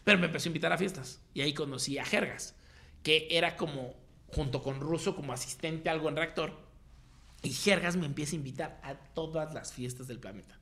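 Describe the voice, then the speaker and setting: A man's voice: fairly high pitch, a little fast, sharp tone. A man in his thirties with a Mexican accent, telling his story in slangy casual chat and acting out the voices of people he quotes. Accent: Mexican Spanish.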